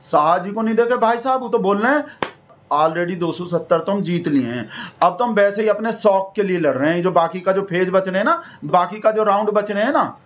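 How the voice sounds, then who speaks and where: A man's voice: sits high, animated, a little fast, slight background noise. A man doing a satirical comic monologue, rambling in a mock-devoted way and repeating the same address over and over. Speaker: satirical comedian in character.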